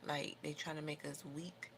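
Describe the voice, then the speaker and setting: A woman's voice: sits low, level tone, moderate pace. An American woman chatting casually on a livestream as host, rambling and opinionated in an informal way, with noticeable background noise. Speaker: livestream host doing her makeup.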